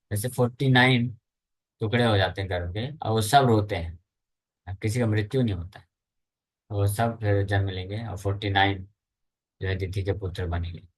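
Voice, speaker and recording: A man with an Indian accent teaching a scripture class. He chants verses slowly and explains them plainly in two languages. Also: fairly low pitch.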